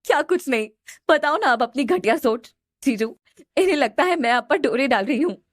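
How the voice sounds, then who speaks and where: A tearful, dramatic young sister in an audio drama, as a woman narrator puts her on, her pitch pushed high and wavering with sobs. Her voice leaps about with each plea. It is recorded dry and close. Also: big pitch swings, normal speed, no echo. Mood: tearful indignant. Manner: crying, high-pitched pleading.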